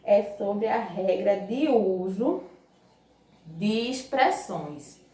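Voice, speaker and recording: A woman teaching a grammar lesson to her class, speaking slowly, stressing syllables and asking questions of the students. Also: medium pitch, lively intonation, dark tone. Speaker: Portuguese teacher. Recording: echoey room, distant from mic.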